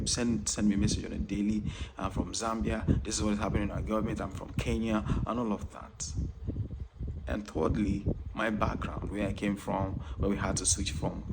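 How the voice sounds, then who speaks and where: A young man, speaking earnestly and reflectively as a content creator, often saying "you know" and "and all of that". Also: lowish voice. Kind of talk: direct-to-camera monologue. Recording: loud background noise.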